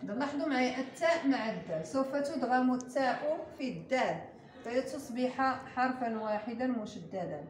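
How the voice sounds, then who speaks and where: A woman with a Moroccan Arabic accent teaching Quran recitation to a class, quizzing her students and slowly drawing out each example word. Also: sits high. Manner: patient, slow and drawn out when modelling recitation; quizzes the class and prompts answers. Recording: echoey room with steady background noise.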